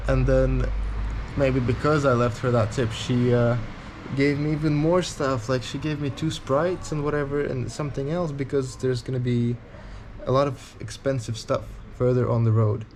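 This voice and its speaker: A man's voice: mid-range voice, fairly even intonation, normal speed, a little mellow, a little hiss or hum. A man in his twenties talking casually to camera in a travel vlog, candid and rambling, with a blunt edge. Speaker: touring cyclist vlogger.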